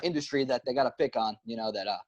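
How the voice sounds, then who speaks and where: A man's voice: mid-range voice, very fast. A middle-aged man being interviewed as a guest, chatting in an easygoing, laid-back way. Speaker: guest, teacher and guitarist. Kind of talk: casual interview chat.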